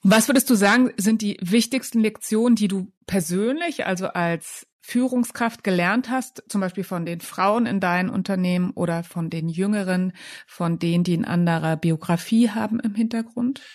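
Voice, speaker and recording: A woman's voice: mid-range voice, normal speed, a little mellow. A woman interviewer asking long, winding questions in a business conversation.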